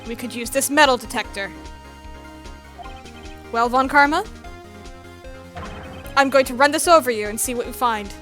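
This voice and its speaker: Earnest young defense lawyer in a game read-along, read by a woman streamer; high, bright. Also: normal speed, pauses often, soft background music, lightly acted. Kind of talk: reading game dialogue aloud.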